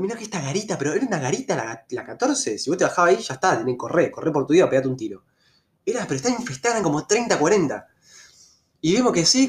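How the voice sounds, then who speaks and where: Animated young Argentine man telling a story. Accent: Argentine Rioplatense Spanish. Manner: animated, rises sharply in pitch when retelling tense moments, slangy. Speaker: vlogger. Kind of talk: casual storytelling.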